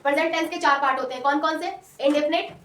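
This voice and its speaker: Fast-talking high-voiced woman tutor. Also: noisy background. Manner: loud, repetitive drilling, call-and-response. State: sore throat. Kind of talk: classroom lesson with call-and-response. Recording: echoey room, mic far off.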